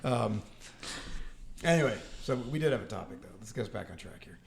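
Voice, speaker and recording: A man's voice: fairly low pitch, expressive, brisk, creaky, a little hiss or hum. A man co-hosting a casual podcast chat, joking and laughing often before steering back to the topic. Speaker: podcast co-host.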